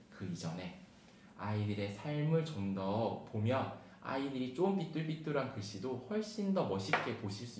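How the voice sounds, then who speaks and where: Guy doing a teacher training talk, talks fast, voice swings up and down a lot, kinda echoey room. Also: lowish voice. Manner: talks quickly, reads a picture book aloud with lively emphasis. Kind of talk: online teacher-training lecture. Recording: roomy sound with faint background hiss.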